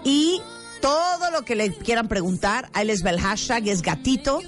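A woman with a Mexican accent hosts a lighthearted talk show, announcing upcoming guests in an upbeat voice. Her pitch swings widely, and music runs in the background. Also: expressive, normal speed. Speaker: radio host. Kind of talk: casual chat.

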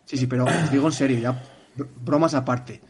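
A young man speaks over a video call from a room in a shared apartment. He is blunt and profane, rambling casually through quick asides. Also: mid-range voice, fairly even intonation, noisy background. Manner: blunt, swears freely, rapid rambling asides. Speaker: guest calling in from abroad. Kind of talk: casual live chat.

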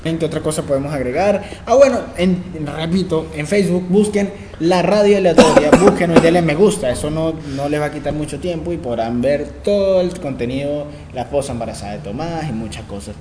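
A man's voice: a little high, fairly quick, hardly any pauses, a little mellow, slight background noise. A young man hosting an amateur internet radio show in casual joking chat, playful and often laughing, repeating himself. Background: music.

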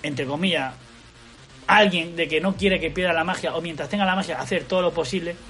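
High-pitched man telling a rapid anecdote. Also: faint music behind. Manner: animated anecdote-telling, acts out quotes. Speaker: podcast co-host. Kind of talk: casual chat, storytelling.

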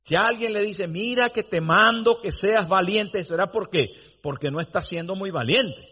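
Emphatic high-voiced man preaching. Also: moderate pace, sharp tone, breathy edge. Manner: dramatic storytelling, rising to emphatic declarations. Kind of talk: sermon.

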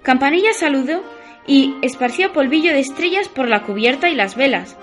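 Lively woman reading a children's story. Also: high voice, moderate pace, soft background music.

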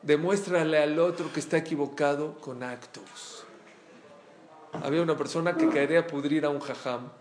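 A man giving an animated, storytelling Torah lesson as a rabbi, often asking his listeners questions. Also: on the high side, normal speed, slight background noise. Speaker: rabbi teaching a Torah class.

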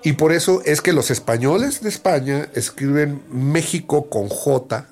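A man's voice: on the high side, a little slow, darkish tone. A man with a Mexican accent talking in a casual monologue, musing and restarting phrases as he goes. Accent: Mexican Spanish.

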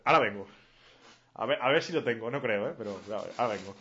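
A man's voice: medium pitch, animated, fast talker, fairly bright tone, breathy edge. A man from Mallorca hosting a live stream, chatting casually with slang and answering viewers' questions. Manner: casual, slangy, laughs a lot. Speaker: streamer host. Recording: dull lo-fi stream audio.

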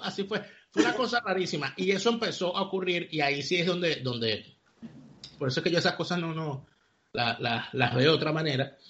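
A man's voice: on the high side, dull audio. A man, a radio broadcaster telling a personal anecdote and acting out the voices as he goes. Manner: animated storyteller acting out the voices.

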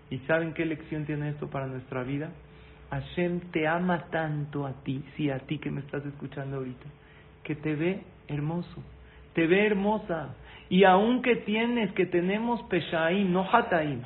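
A man giving a sermon-style lesson, asking listeners questions and speaking to them directly, with Hebrew terms woven into his speech. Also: a little high. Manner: weaves Hebrew terms into Spanish. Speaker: religious teacher. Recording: tinny phone-like audio with faint noise.

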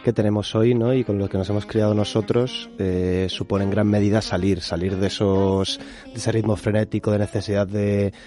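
A man's voice: fairly low pitch, fairly even intonation, normal speed, mellow, soft background music. A man, an anthropology student, giving thoughtful radio interview answers while searching for words.

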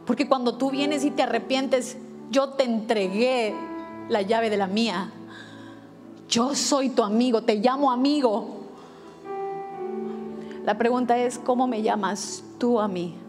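High-voiced woman preaching over soft music. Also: unhurried, long pauses. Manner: animated storytelling with acted quotes. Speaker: pastor. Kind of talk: sermon.

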